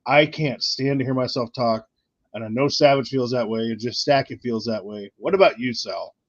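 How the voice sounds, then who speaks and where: A man's voice: mid-range voice, no room sound, muffled recording. A man hosting a casual livestream chat, often repeating words as he gets going. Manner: halting, repeats words when starting. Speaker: channel host.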